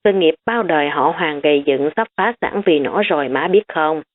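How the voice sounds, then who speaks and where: A woman's voice: sits low, moderate pace. A woman voicing a strict, worn-out middle-aged mother who snaps at her son. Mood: angry. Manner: sharp then tired. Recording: tinny phone-like recording.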